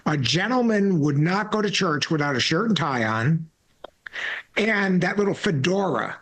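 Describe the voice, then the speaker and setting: On his podcast, a 60-something host spins loose, meandering stories sprinkled with folksy remarks and repeated words, keeping the interview conversational. His voice runs on the high side, animated and fairly bright, at a moderate pace.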